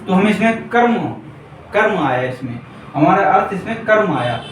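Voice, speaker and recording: A man with a high, sing-song voice speaks at normal speed while teaching Hindi grammar at a board to students preparing for exams. He repeats himself and checks in with the class often, heard through a distant mic in an echoey room with faint hiss.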